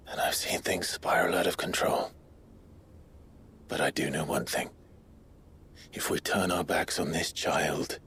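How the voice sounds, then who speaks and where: A young male hero, gentle and grave under heavy burdens, speaks in a video game cutscene with a deep, breathy voice, often half-whispered, solemn and measured. Music plays behind him, with a little hiss or hum.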